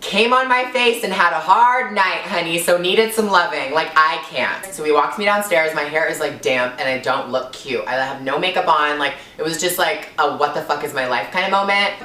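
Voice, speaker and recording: Brief: young woman, casual storyteller, lower voice, animated, roomy sound a bit away from the mic. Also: normal speed, few pauses, recorded from a distance. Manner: animated, fillers of "like", swings from hushed to shrieking disgust.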